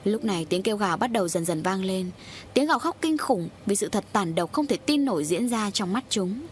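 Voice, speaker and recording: A woman narrating a horror audiobook in a steady, grave storytelling manner. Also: mid-range voice, fairly quick, a little hiss or hum.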